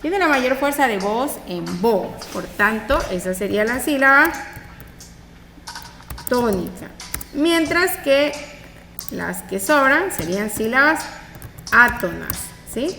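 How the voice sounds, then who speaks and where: A woman teaching a primary school class in a recorded online lesson. She is patient, keeps checking understanding with short tag questions, and stresses syllables loudly to demonstrate them. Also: a little high, gravelly, in a large hall, slight background noise.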